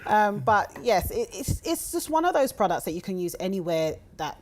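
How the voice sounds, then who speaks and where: A woman's voice: medium pitch, very animated, normal speed. A woman with a London accent, the founder of a cosmetics brand, demonstrating a product in a chatty way with lots of ums. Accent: London English. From England. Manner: chatty, giggly, many ums.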